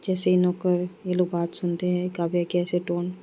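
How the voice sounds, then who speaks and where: A woman narrating a romance story and voicing every character, speaking softly and often close to a whisper. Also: fairly low pitch, completely flat delivery, moderate pace, a little hiss or hum. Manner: soft, often whispered, mixing English words into Hindi.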